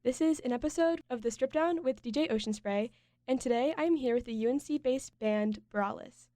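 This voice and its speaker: A woman's voice: on the high side, normal speed, dark tone, dry recording. A young woman hosting a college radio interview, asking friendly, upbeat questions.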